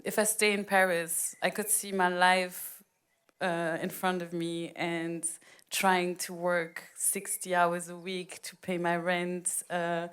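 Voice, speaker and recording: A woman in her thirties from Rwanda, speaking as a panel guest in a reflective, hesitant way with frequent pauses and laughs. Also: mid-range voice, fairly bright tone, clear, resonant tone. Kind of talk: panel conversation.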